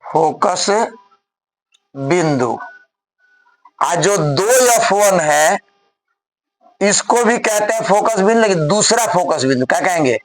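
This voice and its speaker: A male teacher giving a classroom physics lesson at a very unhurried pace. He dictates answers word by word and keeps putting questions to the class, with his voice at times sounding farther from the mic. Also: sits high, animated.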